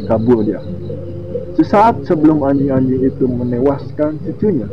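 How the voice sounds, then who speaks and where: A man with a lisp that slurs his r, casually reading horror stories in a halting, informal way with his own asides. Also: on the high side. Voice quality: lisp, slurred r. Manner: informal, halting reader who comments on the story. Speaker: video host. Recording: muffled lo-fi, clearly noisy with insect-like sounds.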